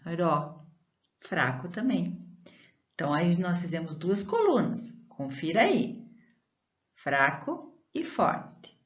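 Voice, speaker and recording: A woman teaching a primary school lesson, reading words slowly and drawn out and asking pupils questions. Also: lowish voice, big pitch swings, lo-fi sound. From Brazil.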